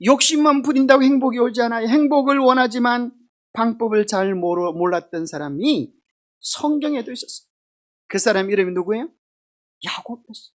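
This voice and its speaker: A woman teaching a children's Bible lesson, lively and asking the children questions. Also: on the high side, a little fast. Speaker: children's Sabbath school teacher.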